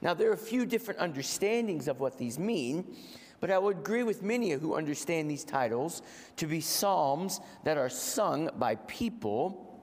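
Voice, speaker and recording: A man with a head cold and a gravelly voice preaches a sermon in a measured, deliberate way, repeating phrases for emphasis. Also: fairly high pitch. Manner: measured, deliberate delivery with rhetorical repetition. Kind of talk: sermon to a congregation. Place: large reverberant room, speaking to a congregation. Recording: echoey hall with long reverb.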